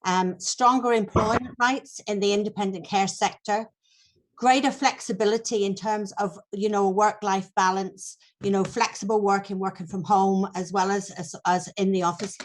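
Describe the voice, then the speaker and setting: A woman, a union branch secretary, speaking up at an online event over a video call in a thoughtful, halting way. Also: mid-range voice, fairly bright tone, rough recording. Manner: thoughtful, peppered with "you know" and restarts. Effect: heard over a video call.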